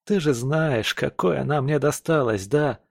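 A man's voice: mid-range voice, unhurried, creaky, a little mellow, no echo, studio quality, voice pushed up. A man reading an audiobook and voicing a hungover male friend who moans and pities himself. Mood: pleading. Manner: moaning, self-pitying.

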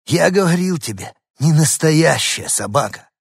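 A man's voice: fairly high pitch, animated, measured pace, gravelly, slightly rough, dry recording, studio quality, pitched above the performer's own voice, exaggerated voice. A man voicing a brash, blunt male street dog who is the narrator's companion in a storybook reading. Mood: matter-of-fact. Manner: blunt, loud.

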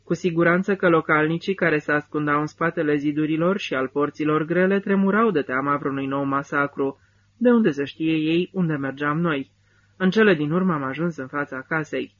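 A man reading a first-person literary novel as an audiobook narrator, with measured, steady phrasing. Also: a little high, dull audio.

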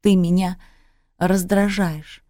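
A woman reading a story, voicing a bitter young adult daughter who speaks in a slow, scornful hiss. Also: fairly low pitch, level tone, dark tone. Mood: venomous hiss. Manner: slow hissing whisper, scornful.

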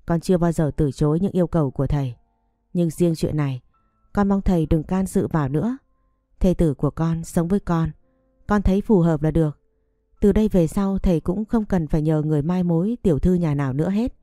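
A woman reading the lines of a calm, firm young male noble in a measured, gentle way. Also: fairly low pitch, dry recording, lightly acted. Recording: dry close recording, faint music behind.

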